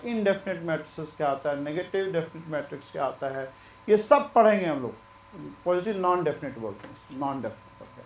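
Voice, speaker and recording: Chatty high-voiced male maths teacher. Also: a little mellow, echoey room, a little hiss or hum. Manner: mixes Hindi and English, chatty, repeats phrases. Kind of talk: lecture.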